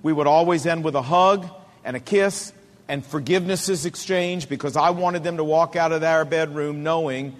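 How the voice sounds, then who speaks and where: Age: middle-aged. Sex: man. Role: preacher. Style: sermon, emphatic and repetitive, slowing for stress. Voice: high for a man. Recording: long hall reverb. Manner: emphatic, repetitive cadence, slows down to stress points.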